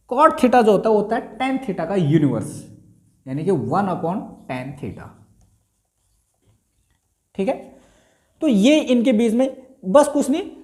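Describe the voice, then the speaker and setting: A man teaching a maths lesson at a board, repeating each key term slowly and asking himself the answer aloud. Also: high voice. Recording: roomy echo.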